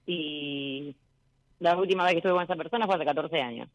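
A woman's voice: deep voice, fairly quick, no room sound, muffled recording. A woman with an Argentine accent answering a counselor's questions in short, hesitant replies. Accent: Argentine Spanish. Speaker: client being counseled.

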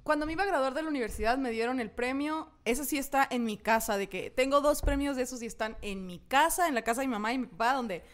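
A young woman with a Mexican accent co-hosting a casual chat, lively and joking. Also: high-pitched, quick pace, few pauses. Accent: Mexican Spanish. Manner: lively, joking, bursts into loud acted outbursts. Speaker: podcast co-host.

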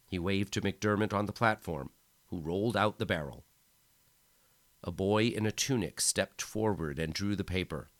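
A man narrating a novel as an audiobook in a measured, steady reading. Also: low-pitched, dry recording.

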